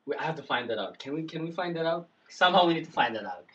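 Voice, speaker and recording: A man's voice: fairly high pitch, lively intonation, very fast, recorded from a distance, highs cut off. A man hosting a casual chat show, stammering, repeating words and giggling. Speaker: host.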